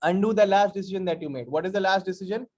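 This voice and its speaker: Male programming instructor, North Indian accent, high register, emphatic, repetitive question-and-answer lecturing style. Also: racing, a little mellow, a little hiss or hum. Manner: emphatic, repetitive, quizzing listeners with rhetorical questions. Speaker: programming teacher. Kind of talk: interactive live coding lecture.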